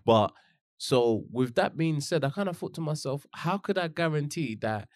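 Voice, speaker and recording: A man's voice: on the high side, lively intonation, moderate pace, a little mellow, no room sound, studio quality. A man with a London accent in casual conversation, using roadman slang and rambling as he thinks aloud. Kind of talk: casual chat.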